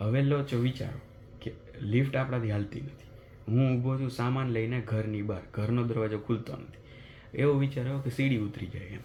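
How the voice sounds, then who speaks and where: A man, telling a story as a vlogger in a chatty, animated way, recorded in his apartment at night. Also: mid-range voice, brisk, a little hiss or hum. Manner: animated retelling of a mishap, chatty and conversational. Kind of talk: casual vlog storytelling.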